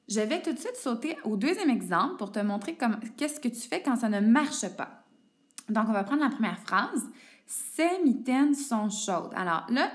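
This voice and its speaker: A woman, patiently explaining spelling rules step by step to a student and spelling words out letter by letter. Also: a little high. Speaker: teacher. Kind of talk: explaining French homophones to a student.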